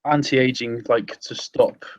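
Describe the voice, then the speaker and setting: A man's voice: mid-range voice, steady tone, takes it slowly. Hesitant man on a dull, lo-fi line. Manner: hesitant, many ums and restarts. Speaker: podcast co-host. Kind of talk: casual chat.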